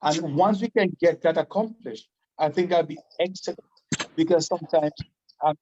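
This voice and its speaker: A man's voice: fairly high pitch, moderate pace, mellow, highs cut off, a little hiss or hum. A man from Saint Vincent with a Vincentian accent, chatting casually on radio and emphatically repeating his phrases. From Saint Vincent and the Grenadines.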